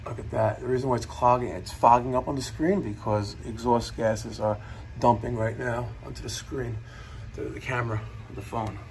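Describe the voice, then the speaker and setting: A man in his forties, a plumber with a New York accent, talking to viewers in an animated, hyped way while filming himself on a phone in a house basement. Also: mid-range voice, moderate pace, a little hiss or hum. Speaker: plumber and heating technician. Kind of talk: on-the-job vlog narration. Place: house basement boiler room. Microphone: phone camera at arm's length.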